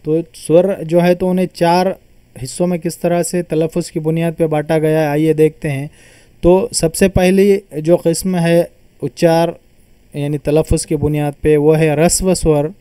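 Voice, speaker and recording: A man's voice: on the high side, flat delivery, moderate pace, dark tone, clear, resonant tone, dry recording. A man teaching a grammar lesson, patiently explaining and repeating terms as he sounds them out.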